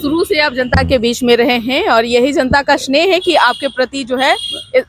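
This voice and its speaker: A woman reporter asking brisk, polite questions in a street interview. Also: high-pitched.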